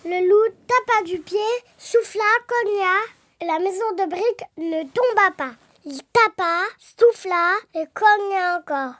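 A woman reading a children's fairy tale aloud in an expressive, lively storytelling manner. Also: very high-pitched, unhurried.

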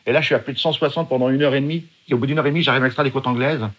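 A man's voice: medium pitch, steady tone, very fast. A middle-aged man from France, telling his own story as a guest with vivid, emphatic delivery. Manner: vivid, emphatic, acts out shouted quotes. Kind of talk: dramatic personal storytelling.

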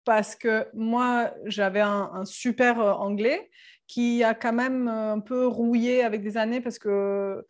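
A woman's voice: a little high, fairly even intonation, slow. Serbian-accented woman in her thirties. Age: 30s. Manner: hesitant, many fillers and restarts. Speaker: interview guest. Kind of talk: casual interview talk.

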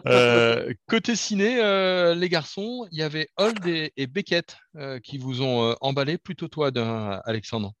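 A man's voice: a little high, expressive, a little slow, few pauses, a bit bright, dry recording. A man hosting a casual culture chat, joking and handing the floor to his guests. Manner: chatty, jokey, hands over to guests. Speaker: host.

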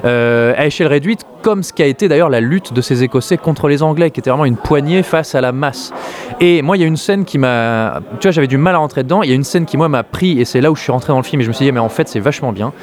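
A man's voice: mid-range voice, lively intonation, fast. Hesitant French man reviewing a film. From France. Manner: hesitant, many fillers and restarts. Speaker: film critic. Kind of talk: casual film discussion.

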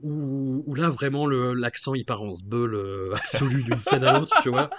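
A man's voice: mid-range voice, moderate pace, a loud crowd. A man hosting a podcast in casual chat, playful and self-mocking. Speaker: podcast host.

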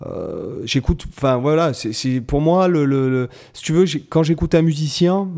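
A man's voice: a little high, lively intonation, moderate pace, gravelly, dark tone. A man hosting a podcast in casual chat, rambling and hesitant, often repeating words as he goes. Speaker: podcast host.

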